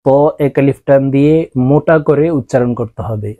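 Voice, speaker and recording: A man teaching Arabic letter pronunciation, with a Bangladeshi Bengali accent, explaining calmly and then drawing out each letter in long sung tones. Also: mid-range voice, dry recording. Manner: slow, drawn-out sung letter sounds between calm explanations. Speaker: Quran teacher.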